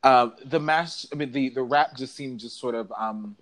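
A man chatting as co-host of a fashion review in a sassy, campy drag-queen style, animated and giggly. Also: medium pitch, normal speed. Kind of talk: casual chat, commentary.

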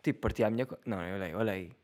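Racing along in a fairly low, slightly mellow voice, a young European Portuguese-accented man in his twenties delivers a casual solo podcast monologue. He rambles and jokes, swears without restraint and laughs at his own lines.

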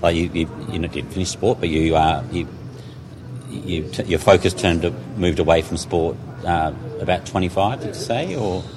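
A man's voice: deep voice, moderate pace, a crowd in the background. A man hosting an interview, asking questions casually and often stumbling and repeating words. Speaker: podcast host, interviewer. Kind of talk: scripted intro, then casual interview.

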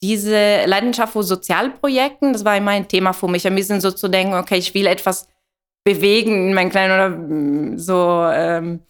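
With a medium pitch, fairly even intonation and a clean tone, this Italian coffee business founder speaks fairly quickly as an interview guest. Her Italian accent comes through, and she pauses hesitantly to find words in her second language.

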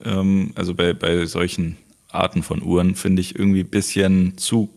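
A man co-hosting a casual tech podcast, musing out loud with hesitations. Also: sits low, little pitch movement, moderate pace, creaky. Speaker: podcast co-host.

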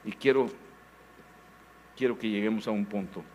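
A man, a pastor preaching a sermon in a lively style, full of questions to the congregation. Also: fairly low pitch, moderate pace, slight background noise. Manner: animated preaching with many rhetorical questions. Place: church service.

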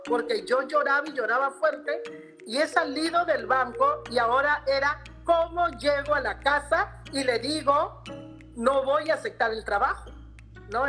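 A woman's voice: high voice, fairly bright tone, rough recording. A woman with a Peruvian accent, earnestly telling her personal faith story in an interview and often tagging her phrases with a questioning "¿no?". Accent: Peruvian Spanish. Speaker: interviewee giving a faith testimony. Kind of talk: personal testimony in conversation.

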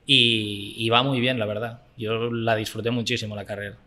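A man in his twenties from Barcelona with a Spanish accent, talking about football coaching as a podcast guest in a relaxed, thoughtful way. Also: on the low side, moderate pace. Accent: Spanish from Spain. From Barcelona, Spain. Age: 20s. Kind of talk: casual interview chat.

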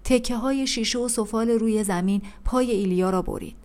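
A woman narrating an audiobook in a calm, even storytelling manner. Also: fairly high pitch.

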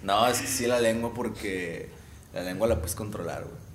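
A man's voice: fairly low pitch, moderate pace, a little hiss or hum. A man with a Mexican Spanish accent in casual chat, blunt and swearing as he argues his point. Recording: echoey room.

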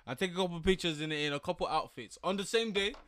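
A man's voice: high-pitched, fast talker, a bit bright. A young man with a London roadman accent, chatting casually in slangy, informal speech with some swearing. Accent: London, urban roadman slang. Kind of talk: casual chat.

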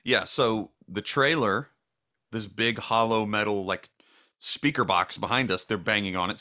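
A man with a lowish, bright, forceful voice recounts an old story in a relaxed podcast chat. He tells it in a measured, dry way and jokes about himself. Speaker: podcast co-host.

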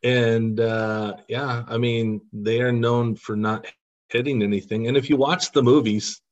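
An earnest man shares stories as a podcast guest, his voice at a middling pitch. He talks with feeling, growing emotional as he goes. The recording sounds a little dull and lo-fi. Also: steady tone, measured pace. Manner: earnest, emotional when recounting. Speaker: podcast guest, costumed volunteer. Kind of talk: storytelling in an interview.

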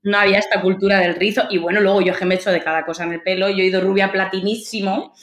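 A woman in her thirties chats as a guest, spinning her stories with lively energy and acting out the voices of people she quotes. Her pitch sits in the middle range. The recording carries a roomy echo. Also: rapid-fire, slight background noise. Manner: lively, expressive storytelling with acted-out quotes. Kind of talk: casual chat, personal storytelling.

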